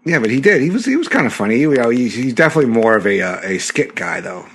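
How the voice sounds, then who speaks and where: A middle-aged man chatting on a movie podcast at a mid pitch. He tells rambling stories full of restarts and laughs often along the way. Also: big pitch swings, quick pace, vocal fry, fairly bright tone, breathy edge. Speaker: podcast co-host. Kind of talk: casual movie chat.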